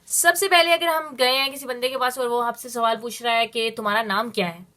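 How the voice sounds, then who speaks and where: A woman teaching a Spanish lesson, explaining step by step and drawing out her Spanish examples slowly. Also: on the high side, steady tone, sharp tone. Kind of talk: spoken language lesson.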